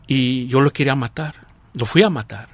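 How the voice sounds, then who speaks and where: A man sharing a personal testimony in conversation, halting and restarting as he tells it, slipping English phrases in now and then. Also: medium pitch.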